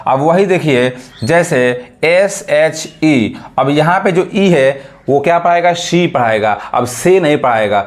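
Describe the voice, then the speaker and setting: A man teaching a lesson, asking questions and answering them himself and spelling out letters slowly. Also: on the high side, lively intonation. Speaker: English teacher. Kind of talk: classroom-style lesson explanation.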